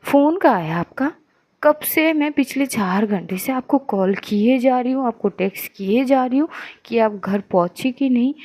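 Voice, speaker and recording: A woman voicing an angry young woman who scolds her girlfriend in rapid tirades, in a storytelling narration. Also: on the high side, dark tone.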